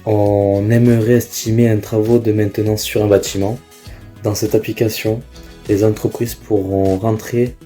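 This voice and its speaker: A man's voice: on the low side, mellow. A young man, a student presenter, describing his project in a plain, slightly hesitant way.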